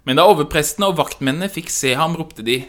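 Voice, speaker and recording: A man narrating a dramatic scripture reading in a measured, expressive way. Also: on the high side. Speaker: scripture reader.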